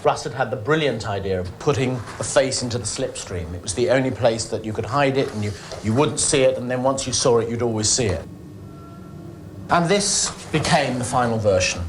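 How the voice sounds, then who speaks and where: A man's voice: mid-range voice, animated, fairly quick, noisy background. Enthusiastic man in a documentary interview.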